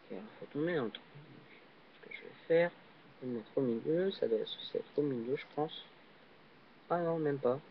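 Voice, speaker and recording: A young man casually commenting while he plays a video game, hesitant and full of fillers, with sudden excited yelps on jumps. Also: medium pitch, normal speed, pauses often, slight background noise. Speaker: gaming channel host. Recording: dull lo-fi recording.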